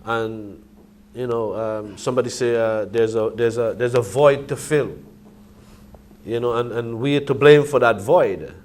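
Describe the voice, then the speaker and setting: A man's voice: medium pitch, unhurried, darkish tone. A man with a Caribbean accent speaking in a Rastafarian manner, making emphatic points in conversational reasoning. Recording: clearly noisy ambient background.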